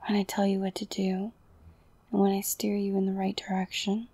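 A young woman whispering an intimate ASMR roleplay, slow and soothing, softly domineering and coaxing. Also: mid-range voice, completely flat delivery, husky, no echo. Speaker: audio roleplay performer.

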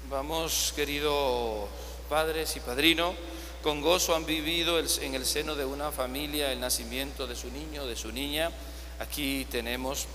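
Bright-voiced priest in an echoing church. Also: male voice, medium pitch. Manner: instructive, gently coaxing the congregation. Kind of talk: leading a baptism rite. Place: large church indoors. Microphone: far phone camera in the congregation. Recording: echoey church from a distance, faint hum.

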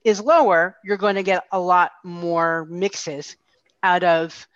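A middle-aged woman talks casually over a video call, her lowish voice friendly and full of fillers. The headset audio sounds muffled and dry. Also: fairly even intonation, takes it slowly, dry recording. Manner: chatty, friendly, filler-heavy. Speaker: co-host. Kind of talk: casual chat. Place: home room.

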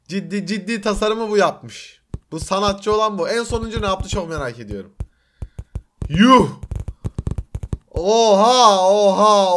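Young man, turkish accent, reaction commentary, high-pitched voice, loud exclamations, noisy recording with clicks. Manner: loud exclamations, laughs and teasing slang. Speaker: YouTuber reacting to an animation.

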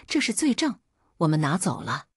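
A woman's voice: sits low, wildly swooping pitch, normal speed, breathy edge, no room sound, studio quality, exaggerated voice. A woman voicing a brusque male constable who speaks curtly. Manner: curt, brusque.

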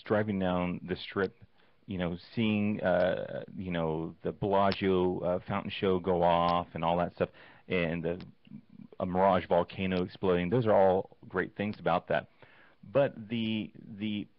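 A man hosting a casual interview show, telling stories with animated restarts. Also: low-pitched, creaky, dry recording. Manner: animated storytelling, many restarts. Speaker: show host. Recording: dull lo-fi sound.

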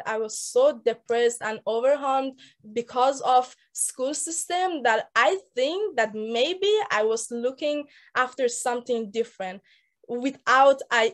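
Woman, 19, Persian-accented English, somewhat high-pitched; earnest, halting storyteller on a video call. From Afghanistan, raised in Iran. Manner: earnest, halting, with many restarts. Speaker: speaker on a mentorship call. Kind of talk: personal story talk on a group call. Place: indoor room. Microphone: laptop webcam on a video call.

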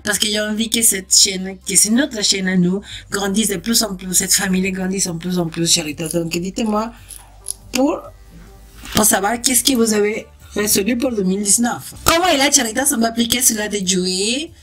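A woman's voice: medium pitch, normal speed, fairly bright tone, faint music behind. A woman with a Spanish accent, a beauty vlogger chatting playfully through a makeup tutorial with cheerful exclamations.

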